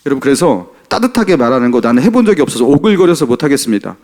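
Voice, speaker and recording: Animated man preaching a Sunday sermon. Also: medium pitch, very fast. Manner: animated preaching, rhetorical questions to the congregation. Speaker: pastor. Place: church sanctuary.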